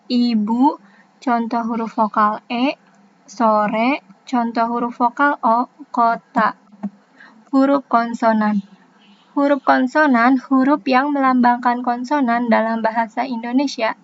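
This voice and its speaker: A woman's voice: on the high side, highs cut off. A young woman student reading a class presentation, spelling out letters and examples one by one. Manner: reads examples slowly, letter by letter.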